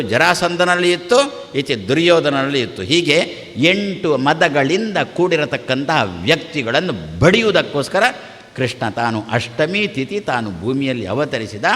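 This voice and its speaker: A man giving a devotional sermon, asking rhetorical questions and answering them himself in a steady listing cadence. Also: big-room sound. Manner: acts out quoted exchanges with shifting pitch. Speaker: religious teacher giving a discourse.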